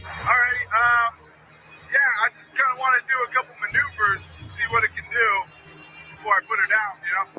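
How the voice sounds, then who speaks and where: A man's voice: very high voice, steady tone, moderate pace. A man in his twenties talks over a cockpit headset radio. He speaks in a hesitant, rambling way, with many fillers. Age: 20s. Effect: cockpit radio transmission over headset. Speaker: pilot of a small plane. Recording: muffled air traffic radio recording with music beneath.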